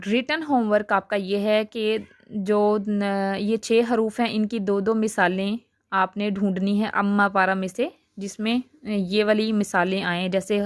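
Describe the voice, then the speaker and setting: A woman teaches recitation rules in a patient, explanatory voice of middle pitch. She draws out each example syllable slowly and deliberately. The recording is dry and close, with no room sound. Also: no echo. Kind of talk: recorded tajweed lesson.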